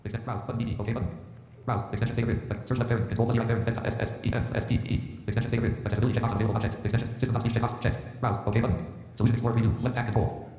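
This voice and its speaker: A male-sounding synthetic screen-reader voice that reads interface labels and letters. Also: mid-range voice. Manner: flat, rapid-fire monotone reading of interface labels and letters. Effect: robotic synthetic voice. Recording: dull, roomy computer speaker audio.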